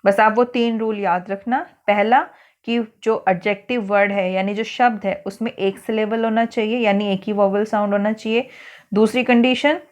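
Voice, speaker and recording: A woman with an Indian accent teaching an English worksheet lesson to schoolchildren, speaking patiently and spelling words out letter by letter. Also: on the high side.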